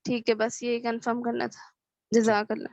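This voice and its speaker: A woman's voice: fairly high pitch, completely flat delivery, vocal fry, darkish tone, no room sound. Hesitant female student on a muffled call. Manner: hesitant, mixing in English words. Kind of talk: asking a question in class. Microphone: online call.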